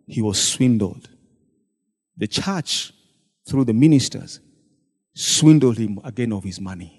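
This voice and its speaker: In a long, reverberant hall, a deacon tells his congregation about a church meeting, acting out the people he quotes as a kind of testimony. His voice is warm and medium in pitch.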